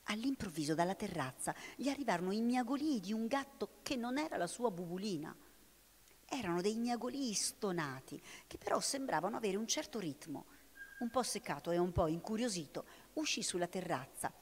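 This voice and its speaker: A woman with an Italian accent reading a story aloud in an expressive way, recorded in a hall with long reverb. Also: medium pitch, moderate pace, slightly rough. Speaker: reader.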